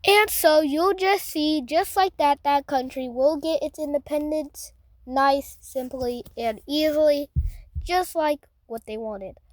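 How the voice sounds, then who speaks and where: A woman's voice: high-pitched, slow, a little mellow, no room sound, rough recording. A woman giving casual, rambling commentary over a map animation, full of fillers and slang, joking as she goes. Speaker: mapping channel narrator.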